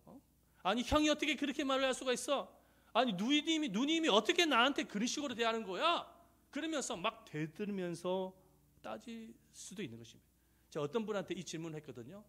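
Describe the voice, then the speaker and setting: A middle-aged male pastor preaching a sermon, swinging between loud rises and soft near-whispers, and acting out quoted voices. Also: sits high. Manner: acts out quoted voices in dialogue.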